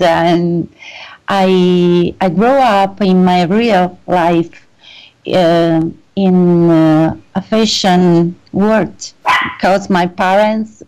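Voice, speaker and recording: Slow, halting Italian-accented woman. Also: fairly low pitch, darkish tone, low-quality recording. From Italy. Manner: hesitant, halting, many fillers, frequent laughs. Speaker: guest fashion designer. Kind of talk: interview conversation.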